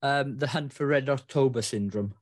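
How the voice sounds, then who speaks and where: A man's voice: mid-range voice, moderate pace. A man co-hosting a casual film-review podcast, hesitant and full of ums. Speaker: podcast co-host.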